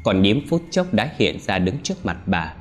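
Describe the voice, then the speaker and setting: A man giving steady, scripted narration of a ghost story. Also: fairly low pitch, normal speed, faint music behind.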